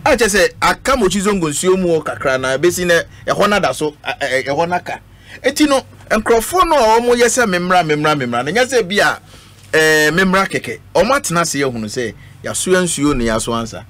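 Very animated and a little fast, his voice sits on the high side with a slightly bright tone. The middle-aged man, Ghanaian-accented, is a guest on a radio panel about politics, speaking emphatically, repeating phrases and code-switching. A studio microphone on a stand picks him up in an indoor studio, streamed live with lots of noise.

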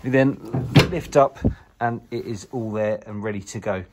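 On a handheld camera he holds himself, a car dealer walks around a used car in an indoor showroom, keeping up upbeat sales patter as he moves. His voice sits on the low side at a moderate pace, with background noise audible.

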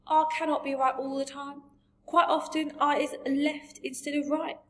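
A woman voicing a big, friendly male giant from a storybook, gentle and boastful, with muddled grammar and emphatic delivery. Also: sits high, flat delivery, moderate pace, pitched above the performer's own voice. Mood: explaining. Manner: garbled grammar, invented words, emphatic. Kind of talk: storybook character voice.

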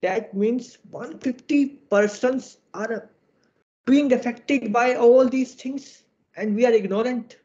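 A high-voiced man with an Indian English accent speaks earnestly and formally, leaning on idioms. He is heard through a screen recording of a video call, and the sound is dull and lo-fi. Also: slow, mellow. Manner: earnest and exhorting, fond of idioms. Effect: screen-recorded video call audio. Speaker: webinar presenter on electrical safety.

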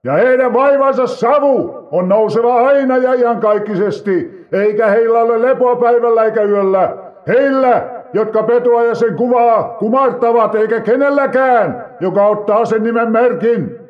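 A man voicing a proclaiming male angel of judgment, declaiming his words slowly and loudly. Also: extremely high pitch, dull audio, voice pushed up. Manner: declaiming, slow and raised.

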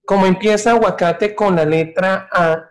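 A woman's voice: medium pitch, fairly even intonation, moderate pace. A woman acting as learner in a beginner English lesson, asking clarifying questions and checking her understanding aloud. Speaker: co-teacher playing the learner.

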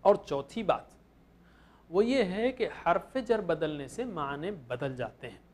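A man's voice: a little high, expressive, slow pace, a little mellow. A man teaching grammar in a lecture, patiently repeating each example step by step. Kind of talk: classroom lecture.

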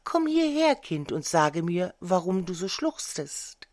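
A woman reading a gentle kind-hearted lady. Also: on the low side, very animated, measured pace, no echo, clean studio sound.

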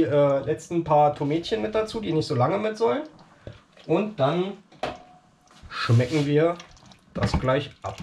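A man in his thirties hosts a casual home cooking video from a small kitchen, his voice on the high side and a little mellow. He chats constantly while he cooks, filling the gaps with lots of fillers. A camera mic across the room catches him along with slight background noise.

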